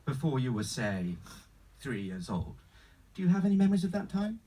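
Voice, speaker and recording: A man's voice: mid-range voice, sing-song, normal speed, warm tone, far from the mic. Man playing a formal travel agent, swooping intonation. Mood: patient, persuasive. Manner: formal, courteous, salesman-like, calls the customer sir. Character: unflappable, smiling male travel agent with a sinister pitch. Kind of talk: live screenplay table read.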